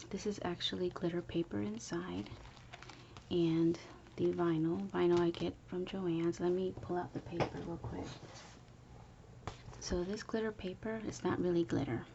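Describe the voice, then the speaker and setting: Woman whispering a casual craft show-and-tell at home, low voice, hiss in the background. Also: lo-fi sound. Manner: soft whispering, chatty, with fillers. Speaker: crafter showing handmade planners. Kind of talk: whispered early-morning craft video. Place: home, early morning.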